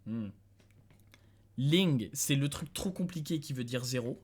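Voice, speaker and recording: A man's voice: medium pitch, expressive, a little slow, a little mellow, husky. A young male streamer from France talks through his session in a loose, casual way, often thinking aloud and breaking into chuckles. He speaks into a desk mic in a dim room at home, addressing his viewers as he goes. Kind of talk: casual live-stream commentary.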